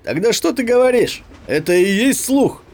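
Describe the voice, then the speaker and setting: A chatty young woman soldier, quick to share rumours, as a male narrator puts her on. The voice is pushed higher than his own and swings lively through each line. An audiobook reading. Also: heavily acted. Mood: eager.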